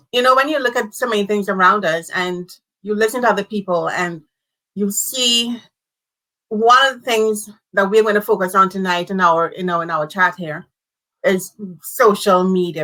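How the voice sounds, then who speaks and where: A woman hosts a live-streamed career talk, her voice bright and forceful. She talks in an animated, conversational way and leans on key words. She comes through as if on a video call. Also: medium pitch, normal speed, low-quality recording. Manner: animated, conversational, speaks with emphasis. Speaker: host.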